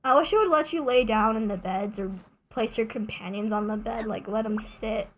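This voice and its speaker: Speaking at a moderate pace in a fairly high voice, this young woman chats casually while streaming gameplay. She rambles, pokes fun at herself, and tosses in jokes along the way.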